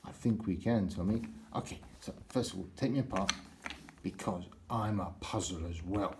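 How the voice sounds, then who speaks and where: A man's voice: low voice, normal speed, noisy background. A man hosting a children's toy video, talking in a playful, encouraging way for toddlers.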